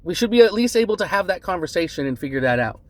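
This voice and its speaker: A man calmly recounting a bad encounter as a customer, earnest and measured, often adding "right?" and "um". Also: sits high. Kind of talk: casual spoken account to camera.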